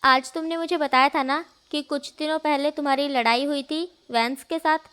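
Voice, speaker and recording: A woman reading out a stern, composed young man in a storybook reading, firm and scolding. The voice is high. Plain, everyday delivery. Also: steady tone, normal speed, sharp tone. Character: calm, stern young male student.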